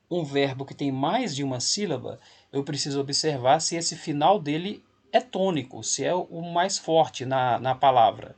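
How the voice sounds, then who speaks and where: A man's voice: mid-range voice, slightly rough. A man teaching an English grammar lesson to school students, explaining patiently and repeating key points to reassure them.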